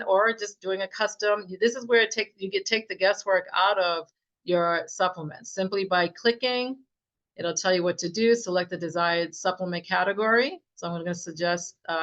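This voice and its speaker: A woman giving a casual, enthusiastic software demo as a naturopath, with many fillers and restarts and a slightly strained voice. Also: mid-range voice. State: slightly losing her voice. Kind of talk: casual screen-share product demo. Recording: dull, muffled sound.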